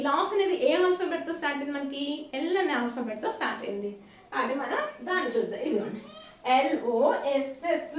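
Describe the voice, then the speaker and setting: Woman, kids' phonics teacher, high and fast, repeats spellings letter by letter; echoey room, off-mic. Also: distant mic. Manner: asks questions and answers them herself, repeating each spelling letter by letter. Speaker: play school teacher. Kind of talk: phonics lesson for young children.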